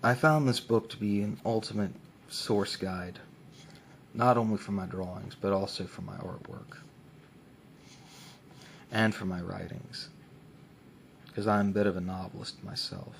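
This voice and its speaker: A man hosting ASMR in a soft, unhurried way, often near a whisper, pausing as he describes things. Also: lowish voice, steady tone, creaky, slight background noise. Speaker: ASMR host. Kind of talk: soft ASMR book show-and-tell, often dropping to a whisper.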